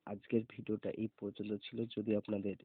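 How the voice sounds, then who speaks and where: A man teaching Arabic letter pronunciation, saying each letter slowly and repeating it several times. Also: fairly low pitch, level tone, breathy edge, dry recording. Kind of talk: slow pronunciation lesson. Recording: tinny phone-like sound.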